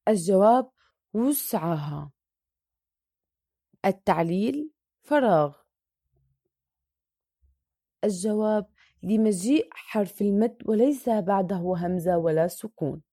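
A woman's voice: mid-range voice, lively intonation, unhurried, long pauses, warm tone, no room sound, clean studio sound. Methodical woman reading a worksheet. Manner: methodical, reads each answer in turn, draws out example words. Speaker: teacher. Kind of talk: reading a Quran recitation worksheet aloud.

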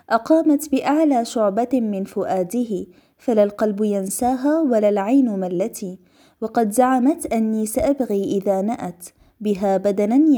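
A woman reading classical poetry aloud in a measured recitation, pausing for short explanatory glosses. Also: medium pitch, dark tone. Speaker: reader.

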